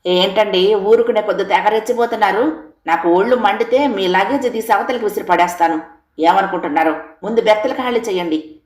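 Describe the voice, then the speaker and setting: Combative, loud middle-aged man, voiced by a woman narrator in an audio story, echoey room. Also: medium pitch, brisk, natural voice. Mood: furious. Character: quarrelsome middle-aged man on a train, hot-tempered.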